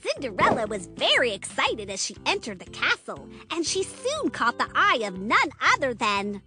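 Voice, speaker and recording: A woman narrating a scripted children's story with animated, dramatic build-up. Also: high-pitched, moderate pace, over music.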